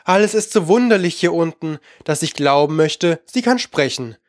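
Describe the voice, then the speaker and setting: A man's voice: on the high side, expressive, moderate pace, no room sound, studio quality, natural voice. A man voicing a polite, curious young girl who talks eagerly and coaxingly.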